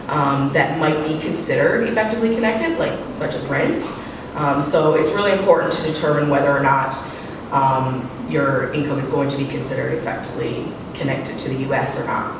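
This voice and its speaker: Lady with a stuffy head cold doing a work presentation, kinda low voice, super echoey room, far from the mic. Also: background noise. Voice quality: slightly muffled, sniffly, congested. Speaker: senior tax manager presenting. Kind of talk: spoken professional presentation.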